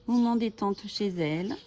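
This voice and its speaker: In this casual flip-through, a woman hosting a coloring channel chats enthusiastically about her coloring books, using frequent fillers. Her medium-pitched voice is mellow. A little hiss or hum is audible, along with bird chirping.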